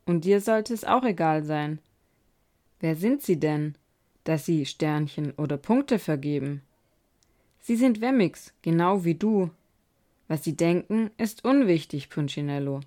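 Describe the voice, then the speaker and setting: Casting: kind, firm bearded old woodcarver, storybook, woman reading, slow and emphatic. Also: low voice, lively intonation, dark tone. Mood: reassuring.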